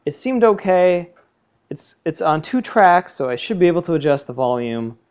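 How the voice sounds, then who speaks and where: A man's voice: a little high, sing-song, normal speed, smooth. A young man co-hosting a podcast, casually rambling through a solo audio commentary from his living room on a phone headset. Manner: rambling, self-correcting, chatty asides. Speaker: podcast co-host. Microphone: headset plugged into phone.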